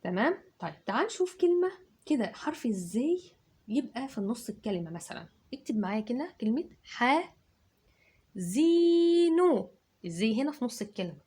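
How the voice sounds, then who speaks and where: A woman's voice: on the high side, very animated, quick pace, darkish tone, husky. A woman with an Egyptian Arabic accent giving a children's dictation lesson, stretching out each syllable as she dictates. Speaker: teacher.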